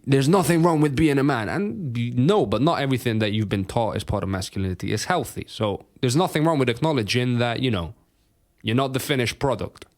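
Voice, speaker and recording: A man's voice: medium pitch, brisk. A young man co-hosting a podcast, casual and sweary, laughing often. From Romania. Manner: animated, sweary, laughs a lot. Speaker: podcast co-host. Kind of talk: casual chat.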